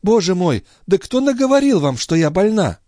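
A man reading an audiobook voices a fragile, nervous young woman who talks in breathless, high exclamations. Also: sing-song, moderate pace, dark tone, no echo, clean studio sound. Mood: agitated, fluttery.

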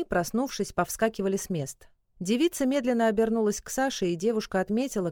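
A woman narrating a fairy-tale audiobook in a measured storytelling manner. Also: mid-range voice, dark tone, dry recording, clean studio sound.

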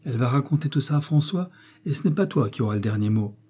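A man voicing a mild, weary older father-in-law who speaks in a calm, placating way in an audiobook. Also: medium pitch, fast talker, breathy edge, voice pushed up.

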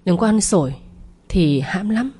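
A woman's voice: mid-range voice, expressive, unhurried, dark tone, slight background noise, lightly acted. A woman voicing a scheming, pregnant young mistress who is snappish and bossy on the phone in an audio story.

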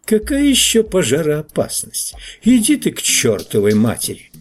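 A rude, scrawny newspaper clerk, put on by a male reader, brash and dismissive. His voice sits noticeably higher than the reader's own and swings up and down. A slightly husky edge stays underneath. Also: sing-song, a little slow, darkish tone, full character voice. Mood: mocking.

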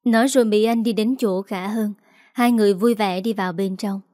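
A woman reading scripted story narration in an even storytelling manner. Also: mid-range voice, brisk, dry recording, studio quality.

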